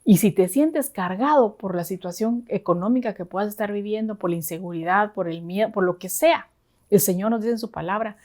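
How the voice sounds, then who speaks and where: A woman's voice: medium pitch, brisk, a little mellow. A woman deaconess preaching a sermon to a women's service in an earnest, conversational way.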